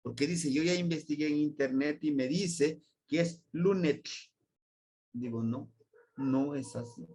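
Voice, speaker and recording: A man's voice: a little high, measured pace, dark tone. A man from Mexico with a Mexican Spanish accent, teaching a language class and patiently spelling out sounds and words. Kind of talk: slow classroom explanation.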